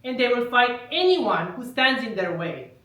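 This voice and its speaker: A woman's voice: on the high side, sing-song, normal speed, fairly bright tone. A woman comedian doing live prop stand-up, delivering wry wordplay and chuckling at her own jokes. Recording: echoey room, mic at a distance.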